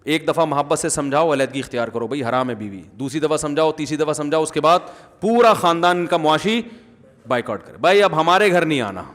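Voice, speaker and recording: A man giving a humorous, animated sermon, often asking the audience questions. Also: fairly high pitch. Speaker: Islamic preacher. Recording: long hall reverb.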